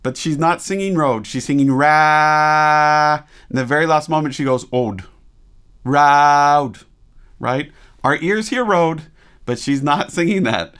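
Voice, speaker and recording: A man's voice: on the high side, animated, moderate pace. A man working as a vocal coach, reacting to a performance with casual, enthusiastic teaching commentary and frequent rhetorical questions.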